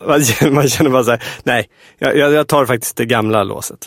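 A man's voice: medium pitch, no echo, clean studio sound. A young man co-hosting a podcast in casual chat, self-mocking and eager, laughing easily. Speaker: podcast co-host.

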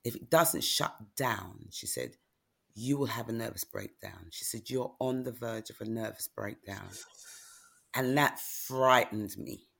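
Candid and plain-spoken, this middle-aged woman, an author on as a guest, tells a personal story in relaxed conversation. Her very deep voice is gravelly with a slight huskiness, her pace measured, and "do you know what I mean?" comes up repeatedly.

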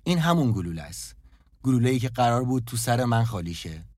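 A man voicing a brooding man, grieving his lost love, in a low, somber confessional monologue for an audio drama. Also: big pitch swings, darkish tone, no room sound.

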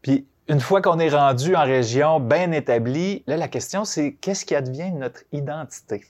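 A man's voice: on the high side, normal speed, darkish tone. A man with a Quebec French accent, hosting a community talk show and asking his guests open questions in a friendly way. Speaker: radio host.

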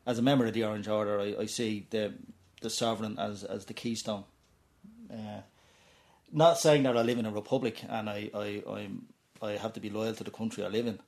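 Gravelly-voiced Dublin man, halting. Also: lowish voice, steady tone, darkish tone. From Ireland. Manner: halting, repeats words. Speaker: interviewee, taxi driver. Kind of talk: casual interview answers.

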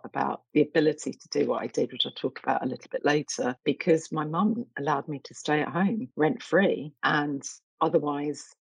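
A middle-aged woman with an East London accent and a husky, creaky voice, telling personal stories reflectively in conversation. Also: extremely low pitch, dry recording, muffled recording. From East London, England. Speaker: interviewed artist.

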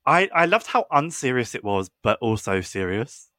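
A man's voice: mid-range voice, sing-song, normal speed, bright, forceful tone, dry recording. A young man, co-hosting a podcast and gushing in casual, filler-heavy chat. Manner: gushing, chatty, lots of fillers. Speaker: podcast co-host.

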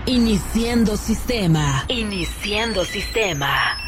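A synthetic woman's voice announces a system booting up like a robot coming online. She speaks slowly, each word drawn out in a flat, mechanical way. Loud music pounds behind her, as in a radio jingle. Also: medium pitch. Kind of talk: station jingle voice.

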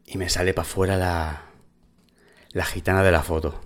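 A man with a Spain Spanish accent telling a personal story in casual, animated, profane talk. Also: low voice, moderate pace.

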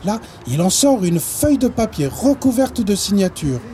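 A man reading a children's story aloud in an expressive storybook narration. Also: high-pitched, moderate pace, slight background noise.

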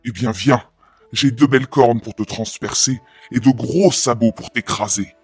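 Man putting on a raspy big billy goat. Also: medium pitch, unhurried, darkish tone, no room sound, soft background music. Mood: defiant.

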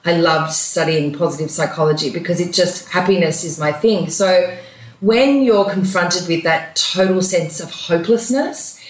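A woman guest speaks with earnest, heartfelt conviction about her spiritual work. Her voice sits a little low. The recording has a roomy echo around it. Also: normal speed. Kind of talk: interview conversation.

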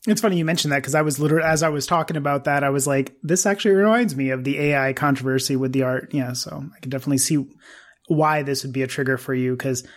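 A man hosting a podcast in casual chat, animated and acting out imagined quotes. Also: mid-range voice, quick pace. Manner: animated, acts out quoted voices.

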